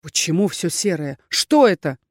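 A confused, hurt orc student, as a woman reader voices him in an audiobook, his questions pitched up in dismay. The reading is dry and close. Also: very animated, moderate pace, dry recording. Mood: bewildered. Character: bewildered male orc student.

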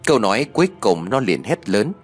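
Male narrator, ghost story audiobook, lively pitch, dramatic telling, soft music behind. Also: fairly quick, slightly rough.

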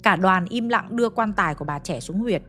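A woman's voice: mid-range voice, expressive, fairly quick, a bit bright, faint music behind. A woman telling a ghost story in a casual, conversational way, lingering on eerie details.

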